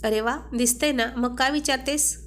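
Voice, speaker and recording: A woman's voice: high voice, normal speed, fairly bright tone. A woman voicing a teasing, playful young husband in a spoken story, keeping close to her own voice. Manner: teasing, dry.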